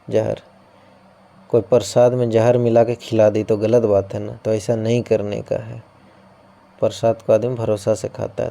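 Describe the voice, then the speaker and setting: Guy teaching an exam class, very dark gravelly voice, keeps asking theek hai. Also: mid-range voice. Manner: explains through playful memory tricks, often checks in with "theek hai". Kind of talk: coaching-class lesson.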